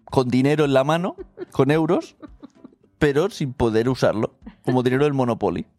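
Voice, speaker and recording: A man's voice: medium pitch, normal speed, darkish tone, dry recording, faint music behind. A man from Spain co-hosting a podcast, chatting casually with wry jokes. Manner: joking, wry asides. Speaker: podcast co-host. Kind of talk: casual chat.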